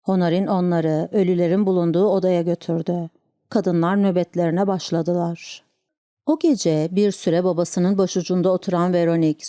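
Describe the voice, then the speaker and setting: A woman narrating an audiobook in a calm, even storytelling manner. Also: fairly low pitch, dry recording, clean studio sound. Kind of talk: scripted narration.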